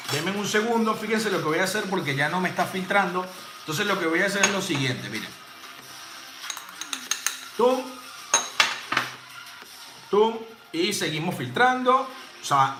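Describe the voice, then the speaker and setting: With music behind him in a roomy home space, a male bartending teacher runs a casual live demo of making drinks. His high voice is lively in intonation and brisk, and he keeps things chatty, playful, and jokey with sound effects and offhand swearing.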